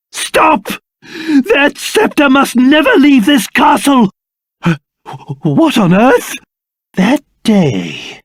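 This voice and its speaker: A pompous little old monster king for a video game, with pitch that leaps and plunges wildly. He takes his time over his theatrical, old-fashioned phrases, blustering like a ruler used to being obeyed. The recording is dry and close. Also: breathy edge, dry recording, full character voice. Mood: alarmed, commanding, then musing. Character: cursed little monster king, elderly, pompous, excitable, doting father.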